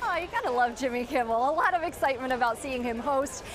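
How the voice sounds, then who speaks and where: Woman, American accent, high voice, live TV reporter, entertainment news, chatty explaining. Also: expressive, fast talker, background noise. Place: outdoors on a covered red carpet.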